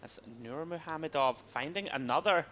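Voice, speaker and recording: A man's voice: on the high side, normal speed, fairly bright tone. A man co-commentating a poker tournament live, giving conversational analysis in wry, wordy turns of phrase over music.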